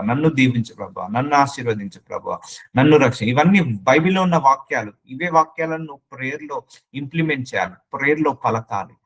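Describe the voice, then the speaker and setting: Guy pastor preaching to a small church crowd, repeats stuff for emphasis, drops english words in, mid pitch. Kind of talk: sermon. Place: church gathering of about thirty people.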